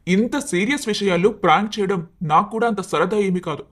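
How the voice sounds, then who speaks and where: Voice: medium pitch, a little fast, a bit bright, lightly acted. A performer voicing an earnest, hot-tempered young husband in a cartoon story, talking in a pleading, emotional way. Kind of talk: Telugu storybook cartoon dialogue.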